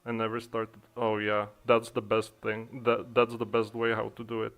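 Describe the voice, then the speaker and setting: On a casual livestream, a young Czech-accented man from the Czech Republic talks haltingly, full of fillers, as he fiddles with his desk microphone settings in the streaming software. His voice is lowish and a little bright, with totally flat delivery and a moderate pace.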